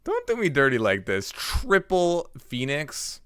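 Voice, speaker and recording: A man's voice: a little high, wildly swooping pitch, a little slow, fairly bright tone, clean tone, no room sound, studio quality. A man livestreaming, chatting through a headset mic as he plays and reacts aloud to his game and his chat. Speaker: livestreamer and card game player. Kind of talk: live gameplay commentary.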